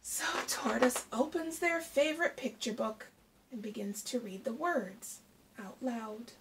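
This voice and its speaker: A middle-aged woman reads a picture book aloud to children with expressive delivery, asking them questions the way a primary teacher would. Her voice is a little high and a little slow. A camera a short distance away captures her in a small room with shelves, with faint background noise.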